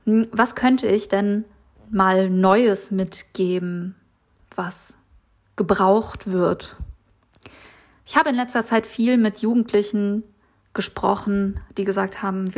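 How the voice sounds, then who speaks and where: A woman recording a regular audio message for listeners, telling a short fable. Her delivery is calm, measured and unhurried. Her voice sits in an ordinary middle pitch for a woman. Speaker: speaker of a recurring audio message. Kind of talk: storytelling a fable.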